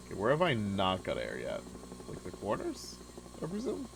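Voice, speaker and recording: A young man casually commenting on a game he is playing, relaxed and chatty, with many filler words. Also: fairly low pitch, moderate pace, vocal fry, background noise. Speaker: gaming video host. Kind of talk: casual let's-play commentary.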